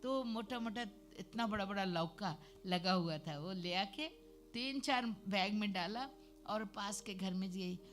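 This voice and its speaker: A woman giving her personal testimony to a church congregation, telling the story in a lively way with emphatic hallelujahs. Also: medium pitch, unhurried, faint music behind.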